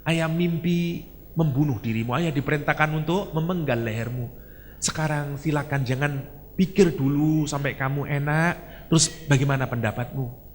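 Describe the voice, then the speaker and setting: A man acting out a loving old father who gently tells his son hard news, speaking softly and tenderly. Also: fairly high pitch, moderate pace, long reverb tail, a little hiss or hum, natural voice. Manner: soft, tender, pleading.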